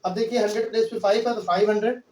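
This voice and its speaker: A man's voice: high voice, fairly even intonation, racing, darkish tone. A man teaching a maths lesson in Hindi-English mix, patiently counting out place values step by step. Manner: patient, repetitive counting aloud. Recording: echoey room, voice from far off.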